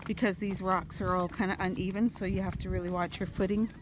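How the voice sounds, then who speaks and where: A woman's voice: medium pitch, level tone, quick pace. A woman chatting casually as she films a walk along a stone breakwater by the sea, rambling with fillers. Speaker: vlogger. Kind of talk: casual walking vlog. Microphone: phone camera held by the speaker. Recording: noisy outdoor phone recording.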